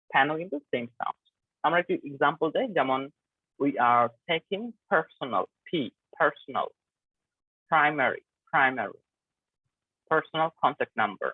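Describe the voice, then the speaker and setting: A man leading a live online pronunciation lesson, drilling words slowly and repeating them, with English phrases mixed in. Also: mid-range voice, no echo. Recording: tinny, dry online call audio.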